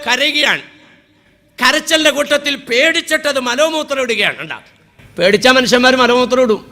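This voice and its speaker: A man. His voice sits unusually high and rings bright and sharp. He slips into dramatic wailing impressions and slow chanted verses. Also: animated. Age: 50s. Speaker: Islamic preacher. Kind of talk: humorous sermon.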